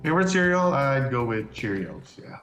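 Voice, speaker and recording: A young man from upstate New York chats as a quiz show contestant, relaxed and quick to chuckle. His voice sits mid-range, and the studio adds a roomy echo. Faint music plays behind him. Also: mid-range voice. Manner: laid-back, chuckling often. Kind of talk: casual interview chat.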